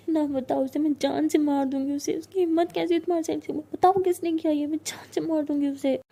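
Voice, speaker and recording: A woman voicing a young college woman who goes from coaxing and puzzled to accusing, shouting and sobbing, in a spoken storybook. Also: high-pitched, fairly quick. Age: young adult. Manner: pleading, then shouting and sobbing. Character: young college woman, clingy then frantic.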